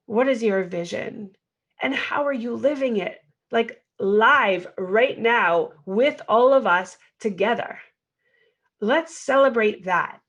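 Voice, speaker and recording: A woman hosting a podcast, speaking in an earnest, exhorting motivational monologue that leans on rhetorical questions. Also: medium pitch. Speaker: podcast host.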